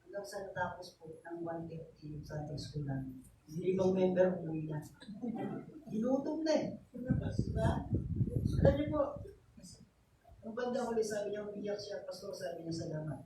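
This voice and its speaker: A man's voice: high voice, animated, normal speed, pauses often, dark tone. A man preaching a sermon as pastor, telling a story in a mix of Tagalog and English and often asking "diba?". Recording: echoey, distant church recording with noise.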